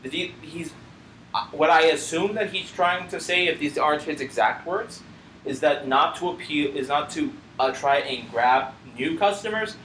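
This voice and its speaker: A man's voice: fairly high pitch, normal speed, a bit bright, roomy sound, a little hiss or hum, rough recording. A man co-hosting a casual gaming podcast, speculating aloud with frequent restarts and slips of the tongue. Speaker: podcast co-host.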